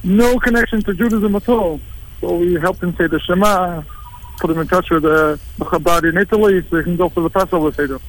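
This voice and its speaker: A man from England, a rabbi, speaking as a guest in a live radio interview, relaxed and plain-spoken, sometimes halting. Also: high-pitched, rough recording. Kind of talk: interview by phone, live remote.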